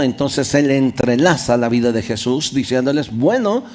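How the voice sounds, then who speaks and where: In a church, a medium-pitched male pastor gives a sermon, reading passages from the Bible and interpreting them, with abrupt surges in volume followed by quiet dips.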